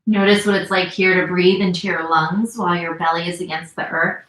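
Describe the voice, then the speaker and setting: A young woman teaching a yin yoga class from home, giving slow, soothing instructions with gentle pauses. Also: fairly low pitch, fairly even intonation. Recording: roomy echo.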